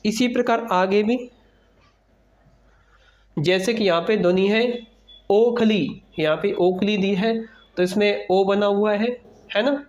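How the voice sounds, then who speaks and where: A man teaching young children their letters, unhurried and deliberate, asking a question and then answering it himself. His voice sits high for a man, and the recording sounds dull and lo-fi. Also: darkish tone. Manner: asks questions and answers them himself, repeating each sound. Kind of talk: Hindi alphabet lesson for children.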